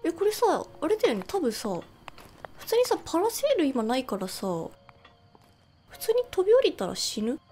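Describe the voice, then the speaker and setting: High, lively, excitable woman streamer. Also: moderate pace, a little hiss or hum. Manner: excitable, reacts with constant exclamations. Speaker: game streamer. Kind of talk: live game commentary.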